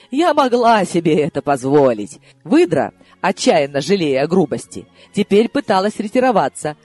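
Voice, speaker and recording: A man narrates an audiobook with theatrical flair, dropping into hushed asides and then bursting out. His voice sits high and leaps across a wide range. The recording is dry and close, with faint music underneath. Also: no room sound. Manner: theatrical, swinging between hushed asides and excited outbursts. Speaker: audiobook reader.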